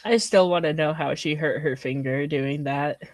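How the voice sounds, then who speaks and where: A woman's voice: sits low, normal speed, dry recording. A young woman co-hosting a podcast, chatting casually and telling a story with frequent laughs and filler words. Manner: chatty storyteller, laughs often, says "anywho". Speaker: podcast co-host. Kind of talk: casual chat.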